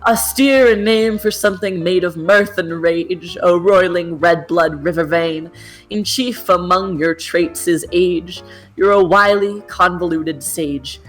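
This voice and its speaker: A woman's voice: lowish voice, measured pace, lightly acted. A woman voicing a florid, grandiose male vagabond poet cat in an amateur cartoon dub, with a declaiming manner. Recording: guitar music behind.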